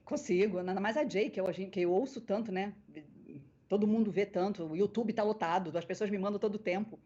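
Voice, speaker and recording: Husky Brazilian voice actress telling stories. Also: female voice, mid-range voice, brisk. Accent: Brazilian Portuguese. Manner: animated storyteller, acting out quoted voices. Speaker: guest voice actress. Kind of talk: casual interview storytelling. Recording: dull lo-fi podcast audio.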